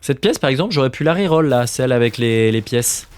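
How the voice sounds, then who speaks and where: A man in his thirties gives casual commentary while he streams a game. He grumbles and swears at it, and sometimes drops to a near-whisper under his breath. His voice sits at an ordinary middle pitch. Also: lively intonation, a little fast, smooth. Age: 30s. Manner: exasperated, swears a lot, drops to muttered whispers.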